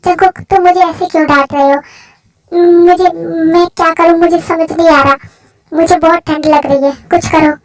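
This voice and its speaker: A woman's voice: extremely high pitch, steady tone, normal speed. A woman voicing a frightened, stubborn young woman in a fan story, refusing and anxious by turns. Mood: shivering.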